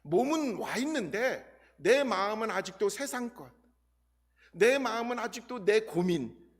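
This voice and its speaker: A man's voice: sits high, unhurried. A male pastor preaching a sermon in a church sanctuary, speaking straight to the congregation and acting out prayers with feeling. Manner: animated preaching, addresses the congregation directly; acts out prayers and dialogue in an earnest voice. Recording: reverberant church hall.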